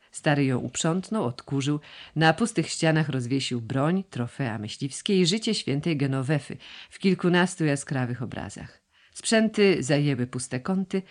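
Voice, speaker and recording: Calm male audiobook narrator. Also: a little high.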